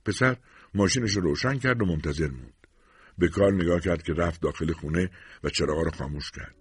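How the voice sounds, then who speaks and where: A man narrating a short story in a measured storytelling manner. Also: low voice, husky, no echo, clean studio sound. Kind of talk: audiobook short story reading.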